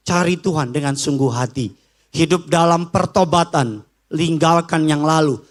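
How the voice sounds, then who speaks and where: A male pastor, preaching a sermon with animated storytelling and acting out voices. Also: a little high. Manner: animated storytelling, acting out voices of God, angels and his child.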